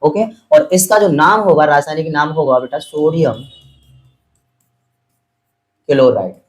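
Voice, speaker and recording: On a rough recording, a man whose voice is on the high side gives a chemistry lesson step by step. He repeats his points patiently, calls students "beta," checks their grasp of the material, and slows down to spell out formulas.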